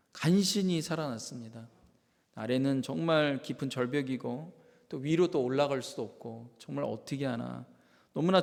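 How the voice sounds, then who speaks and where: A male pastor giving a Sunday sermon in a church sanctuary, telling a story with animated delivery and drawing out key words for emphasis. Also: mid-range voice, creaky. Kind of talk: Korean sermon. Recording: long reverb of a church hall.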